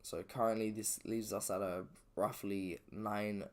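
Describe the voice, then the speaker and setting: Sleepy and yawning indoors at home, this trader casually narrates his chart on a live stream, correcting himself and using fillers as he thinks out loud. He speaks unhurriedly in a low, steady, darkish voice with a clean tone.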